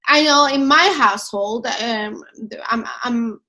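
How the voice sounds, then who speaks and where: A woman's voice: a little high, slow pace, bright, forceful tone. A woman from Iran and Sweden hosting a conversational interview, earnest and affirming, sometimes searching for words. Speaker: host.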